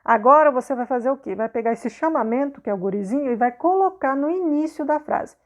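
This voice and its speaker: Brazilian lady teacher, high voice, patient, keeps asking "right?" and going over each step again. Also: expressive, fairly quick. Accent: Brazilian Portuguese, not southern. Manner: patient, repeats questions with frequent "né?" and "tá?". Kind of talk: explanatory video lesson.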